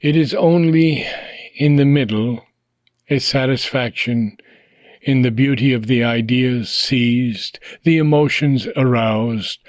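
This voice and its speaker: Slow and deliberate, a male reader works through a philosophical passage, his mid-range voice frequently fading softly as each line closes. The recording carries no room sound.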